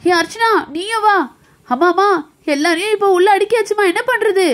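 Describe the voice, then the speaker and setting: Woman, very high, animated doll-story voicing, fretful urging. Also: brisk.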